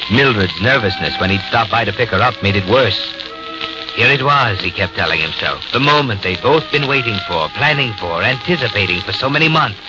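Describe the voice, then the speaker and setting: An ominous, all-knowing storyteller acted by a man narrates a vintage radio mystery. His voice is low, deliberate and suspenseful. Loud music plays behind him on a dull old recording. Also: natural voice. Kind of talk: 1940s radio drama narration.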